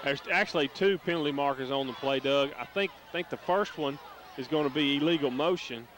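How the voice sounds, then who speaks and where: Man doing relaxed color commentary. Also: fairly high pitch, a little fast, slight background noise. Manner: chatty analysis with many fillers and restarts. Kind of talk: high school football radio commentary.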